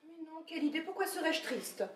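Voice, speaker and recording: An actress playing a weary, melancholy young beloved who gives curt, languid replies. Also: female voice, very high voice, fairly quick, a little hiss or hum. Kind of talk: stage comedy acting. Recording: echoey room from far off.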